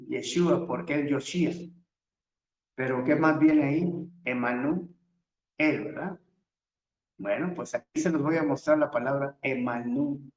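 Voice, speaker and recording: A Bible teacher with a medium-pitched voice leads a verse-by-verse scripture lesson, methodically telling listeners which words to underline and circle. The room is echoey and the audio dull.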